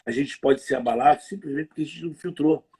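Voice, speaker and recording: A man preaching conversationally on a livestream, telling stories in a lively, slangy way. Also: fairly high pitch, breathy edge. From Rio de Janeiro. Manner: lively storytelling, slangy, quick asides.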